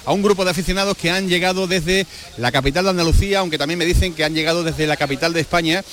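A man reports live for radio from an outdoor square packed with fans, chatting away with lots of filler sounds and restarts. His voice is a little high and fairly bright, and he talks rapid-fire in this on-location sports report.

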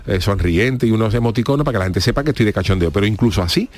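A man, a guest on a radio talk show, telling stories in a joking, animated way. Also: fairly low pitch, very fast. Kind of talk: casual radio chat.

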